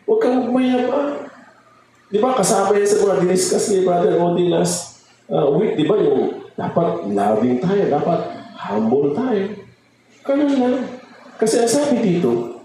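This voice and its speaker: Lively-pitched joking lay preacher, echoey hall. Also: male voice, a little slow. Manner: joking, keeps prompting the congregation for amens. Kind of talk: conversational sermon to a congregation. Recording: very echoey hall with faint noise.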